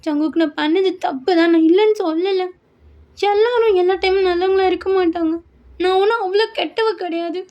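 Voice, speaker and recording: A woman's voice: very high-pitched, brisk, darkish tone, lo-fi sound, voice pushed up. A woman voicing a desperate young daughter who pleads through tears. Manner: pleading, tearful. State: crying.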